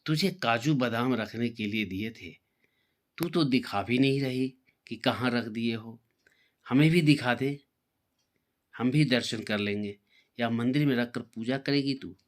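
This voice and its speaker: A man's voice: mid-range voice, measured pace, close to an everyday voice. A man voicing a bossy older mother-in-law in a spoken story, scolding and sarcastic.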